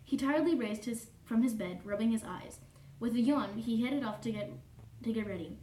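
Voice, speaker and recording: A prim, easily offended young troll, played by a woman, reads aloud in a formal, pedantic tone, stopping to correct and apologize. The voice is mellow and a bit dark. It is heard from a distance in an echoey room with faint background noise. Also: on the high side, normal speed, close to an everyday voice. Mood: prim, fussy. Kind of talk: cosplay character reading fanfiction aloud. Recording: roomy echo, distant mic, faint noise.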